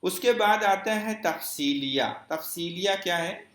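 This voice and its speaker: A male teacher giving an exam-prep grammar lesson, explaining step by step, asking questions and answering them himself, and repeating key phrases slowly. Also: sits high, fairly bright tone, reverberant.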